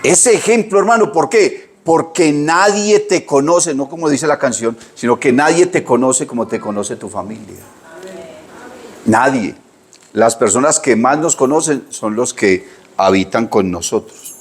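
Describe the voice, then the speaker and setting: Animated preacher man. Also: unhurried. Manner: lively storytelling preacher, pitch leaps when quoting people. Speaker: pastor. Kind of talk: sermon.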